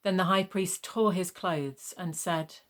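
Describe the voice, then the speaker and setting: A woman with a slightly low voice reads scripture as the narrator of a dramatised gospel. Her delivery is measured and formal, in the manner of careful storytelling. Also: fairly even intonation. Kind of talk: dramatised Bible reading.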